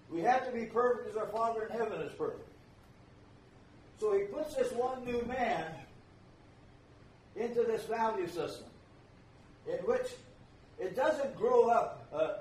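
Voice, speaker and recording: Older guy preaching, high voice, real echoey and distant from the mic. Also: a little mellow, a little hiss or hum. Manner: emphatic, repeats key phrases. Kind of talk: sermon. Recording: echoey room, voice from far off.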